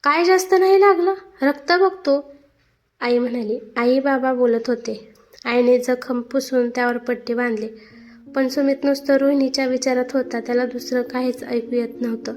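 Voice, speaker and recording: A woman storyteller reading a family story in scripted narration, with a steady, clear delivery. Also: a little high, normal speed. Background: soft background music.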